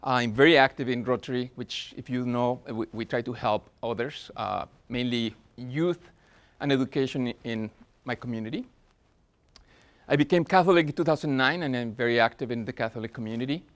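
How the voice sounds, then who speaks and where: A man in his forties gives an earnest talk at a business workshop in Spanish-accented English, restarting often and using plenty of fillers. He has a mid-range voice and speaks at normal speed.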